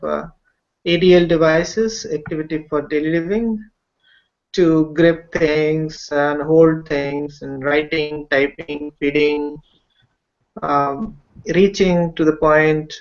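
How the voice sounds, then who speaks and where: Slow, hesitant man on a video call. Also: a little high. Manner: hesitant, many pauses and fillers. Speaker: webinar participant describing his project. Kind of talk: slow, halting self-introduction. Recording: dull online call audio.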